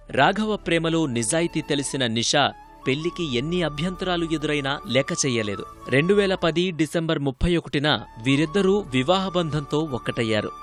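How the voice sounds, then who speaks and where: A man narrating a television news feature in a measured, formal reading voice. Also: on the high side. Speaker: news reporter.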